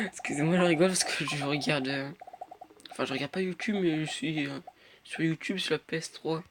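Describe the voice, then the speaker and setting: A teenage boy rambles through casual gameplay commentary, his voice sitting a little high. He fills gaps with hesitations and mutters or swears at the game. Steady background noise hums under the recording. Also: brisk. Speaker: gaming youtuber. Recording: noisy home recording.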